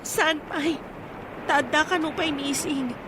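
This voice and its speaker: A woman with an Ilocano accent acts in a Filipino radio drama, voicing an earnest, worried young woman who explains grave matters to her elders. Her voice is high and slow, set against a noisy background.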